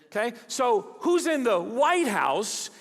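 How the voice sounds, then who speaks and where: Man, preacher, sermon, lively swooping pitch, long hall reverb. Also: slow, vocal fry. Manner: animated, acts out quoted voices, drops to soft emphatic lines. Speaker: guest preacher. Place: large church auditorium.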